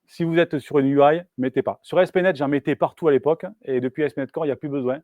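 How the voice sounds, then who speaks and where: Male engineer presenting at a meetup, halting delivery, dry sound. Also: fairly high pitch, steady tone, darkish tone, dry recording. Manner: casual, hesitant, many fillers and restarts. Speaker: software engineer giving a meetup talk. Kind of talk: live technical presentation. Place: meetup room.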